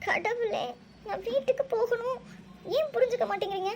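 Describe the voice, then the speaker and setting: A woman's voice: extremely high pitch, steady tone, fast, darkish tone, faint music behind. A woman voicing a tearful young woman in a cartoon who keeps pleading to go home. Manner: pleading, crying.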